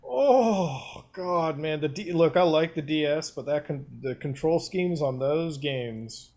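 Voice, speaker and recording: A man's voice: on the high side, slow pace, a little mellow. A man appearing as a guest on a livestream, joking, laughing and swearing casually. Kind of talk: casual crude chat.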